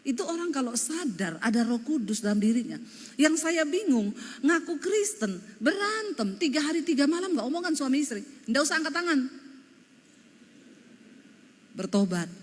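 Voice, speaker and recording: High-voiced Sulawesi woman preaching. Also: normal speed, breathy edge, long reverb tail. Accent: Sulawesi Indonesian. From Sulawesi, Indonesia. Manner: animated, joking, exclaiming. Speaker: pastor. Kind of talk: humorous sermon.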